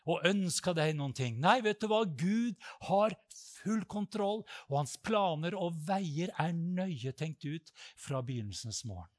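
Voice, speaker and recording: A man preaching a sermon, telling stories and acting out prayers with loud, high-pitched cries. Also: animated, no echo, clean studio sound.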